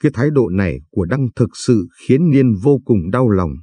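A man narrating a scripted family story in a steady, even storytelling manner. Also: mid-range voice, moderate pace, husky, no echo.

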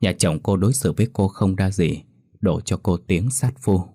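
Deep-voiced man narrating a horror story. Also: normal speed, warm tone, husky, no echo, studio quality.

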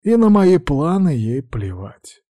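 A man putting on a cynical old dragon schemer for an audiobook, pitched higher than the narrator's own mellow voice and drawn out slowly. Each line lands as a dry, sardonic jab. The sound is close and dead dry. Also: sing-song, dry recording, exaggerated voice. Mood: dismissive. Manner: dry, cutting, sardonic retorts. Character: weary, cynical scheming dragon lord, male.

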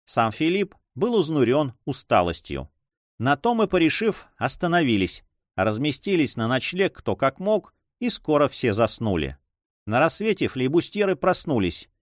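A man narrating an adventure audiobook with an expressive reading. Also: medium pitch, dry recording, clean studio sound.

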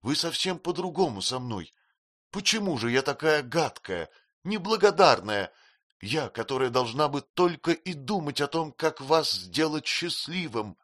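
A man's voice: on the high side, very animated, measured pace, a bit bright, pitched above the performer's own voice, full character voice. A man reading an audiobook voices a tearful, childlike young woman who sobs and pleads. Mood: sobbing remorse. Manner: sobbing, pleading.

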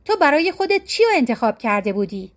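A woman voicing a wise male ruler who gives judgment in a calm, measured way, in a storybook reading. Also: a little high. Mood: measured, firm. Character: stern wise male Indian ruler judging.

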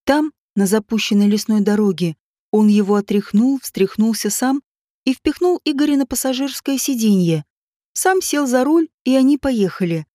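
A woman narrates a story in a steady, even manner. Her voice sits a little high yet sounds mellow and soft-edged, recorded close and dry with no room around it. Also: moderate pace, no echo. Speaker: audiobook narrator. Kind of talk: scripted narration.

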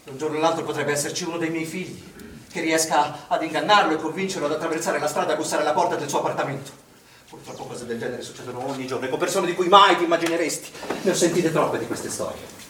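Playing a protective father who is anxious and accusing, a man performs stage drama insistently, in an uneasy, confiding mood. He speaks fast in a natural, fairly high and bright voice, captured by a distant mic in an echoey room with background noise.

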